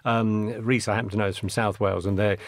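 A man's voice: lowish voice, level tone, quick pace, no echo. Chatty Scottish-born man in a dry studio. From Scotland. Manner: chatty, rambling, with many restarts. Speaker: studio guest. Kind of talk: casual radio chat. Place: radio studio.

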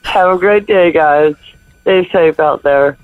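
A woman's voice: sits low, slow pace, dry recording. A tipsy woman leaving a rambling, giggly voicemail over a landline phone. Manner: rambling, giggly, chuckles between sentences. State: tipsy from morning drinking. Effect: heard over a landline phone voicemail. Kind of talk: casual phone message. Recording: tinny dry phone line.

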